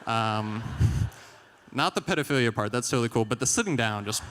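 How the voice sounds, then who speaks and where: A young man performing a stand-up comedy set on stage, deadpan and chuckling at his own jokes. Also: medium pitch, a little fast, a little hiss or hum. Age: young adult. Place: stage in a large hall. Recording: live hall with long reverb.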